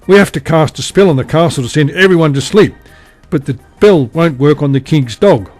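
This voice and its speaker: A man doing a booming, threatening storybook giant. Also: lively intonation, a little fast, darkish tone, dry recording, soft background music. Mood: bossy. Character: huge angry male giant, threatening.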